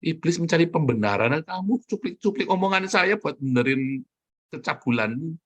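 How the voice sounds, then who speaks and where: Husky fiery preacher man. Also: lively intonation, moderate pace, muffled recording. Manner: fiery, mocking, swings between loud jabs and low asides. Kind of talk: sermon.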